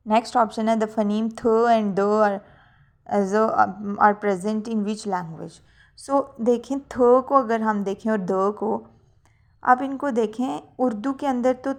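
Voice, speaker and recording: A woman's voice: fairly high pitch, a little mellow. Woman tutor going through exam answers. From Pakistan. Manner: mixes English into Urdu, corrects herself.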